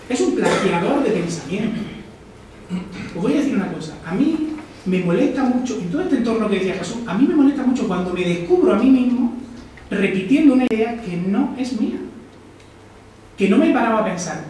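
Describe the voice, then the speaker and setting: A man's voice: high voice, mellow, slight background noise. Lecturing man in an echoey hall. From Almería, Spain. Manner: reflective, asks the audience questions. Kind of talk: live talk to an audience. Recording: echoey hall, distant mic.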